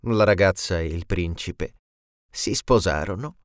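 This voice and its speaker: A man narrating a fairy tale in an expressive, measured way. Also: low voice, dry recording, clean studio sound. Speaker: storyteller.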